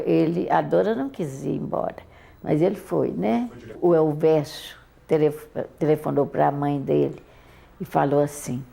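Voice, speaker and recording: An older woman with a Brazilian accent recalls her daughter in an oral history interview, halting and often repeating words. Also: deep voice, vocal fry, dark tone.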